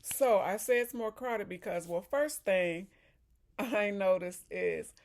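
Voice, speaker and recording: Speaking slowly in a mid-range voice, a vlogger from Chicago chats casually while she eats and takes sips of a drink.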